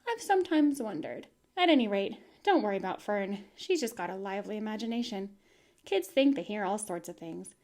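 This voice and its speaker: A woman reading the part of a relaxed, gently amused farmer father. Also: mid-range voice, brisk, natural voice.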